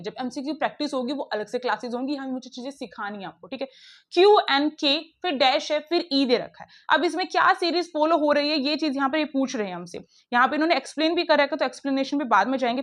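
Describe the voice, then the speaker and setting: A woman teacher explaining puzzles step by step in a brisk, coaxing way, talking straight to her students. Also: high-pitched, fairly bright tone. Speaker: online teacher. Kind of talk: classroom lesson explaining puzzles.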